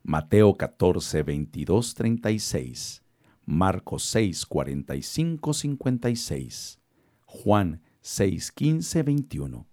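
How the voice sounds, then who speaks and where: Male narrator, scripted Bible storytelling; low pitch, animated melodic range. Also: slow.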